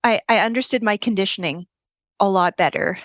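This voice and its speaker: Woman, interview guest, reflective, measured, mid pitch, dry close sound. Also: fairly bright tone, no echo. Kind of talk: casual interview chat.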